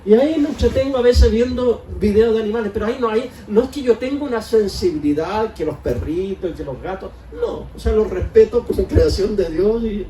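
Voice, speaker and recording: A man's voice: high voice, fairly quick, hardly any pauses, dark tone, recorded from a distance. An older man preaching a sermon as pastor, folksy and joking, then pleading in repeated prayers. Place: church hall. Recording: echoey church, voice from afar.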